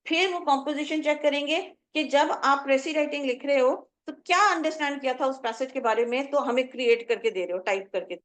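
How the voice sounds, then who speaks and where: High-voiced woman lecturing a class. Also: brisk, few pauses. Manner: explanatory, repeats points, code-switches often. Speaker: college English lecturer. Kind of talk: classroom lecture mixing Urdu and English. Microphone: lecture recording to class and online students.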